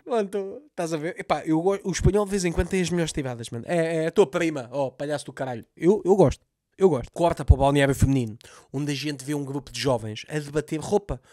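Lisbon guy roasting a tv show, talks fast, swears nonstop, super dry mic. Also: on the high side, mellow, no room sound. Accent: Lisbon Portuguese. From Portugal. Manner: sarcastic, swears a lot, mocks the scenes. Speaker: comedian recapping a TV series. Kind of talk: comedic recap commentary.

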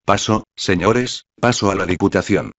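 A man's voice: sits low, normal speed, no echo, highs cut off. A man voicing a frantic, pale young man who urgently reports the attack.

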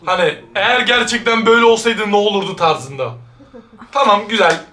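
Woman, horror reaction host, jumpy, shrieking, bright tense voice, echoey room. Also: medium pitch, fairly quick. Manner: jumpy and excitable, shrieking and nervous laughter; talks straight to viewers. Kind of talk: reacting to a horror short film.

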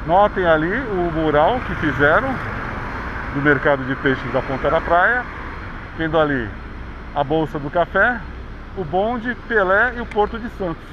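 Brazilian man, slightly high voice, chatty tour-guide narration, dull handlebar-cam audio with street traffic noise. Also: a little slow. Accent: Brazilian Portuguese. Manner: chatty tour-guide commentary, pointing things out. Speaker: vlogger. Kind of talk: narrated bike ride. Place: outdoors on a city bike path. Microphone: action camera on handlebars.

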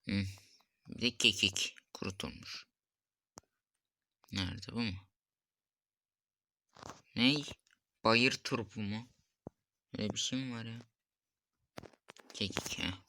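A man's voice: fairly low pitch, creaky, noisy background. A young man playing a mobile cooking game, muttering to himself, reading recipe steps aloud and getting frustrated with the game. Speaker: gameplay streamer. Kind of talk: casual gameplay commentary.

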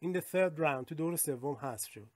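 A man teaching English vocabulary, explaining in casual talk and reading example sentences slowly and carefully. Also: a little high, lively intonation, darkish tone, no echo. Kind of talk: vocabulary lesson in Persian.

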